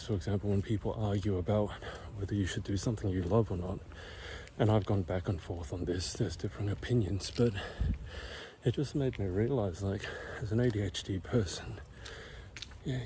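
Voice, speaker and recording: A middle-aged man vlogs casually while walking uphill through a quiet neighborhood outdoors, whispering in a hushed way and short of breath. His voice is lowish, with a little hiss or hum in the recording.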